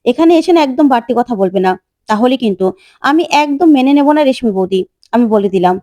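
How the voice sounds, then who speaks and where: A woman voicing a sharp-tongued, hostile middle-aged aunt who talks in a bossy, scolding way. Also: on the high side, animated, fast, no echo, studio quality, close to an everyday voice.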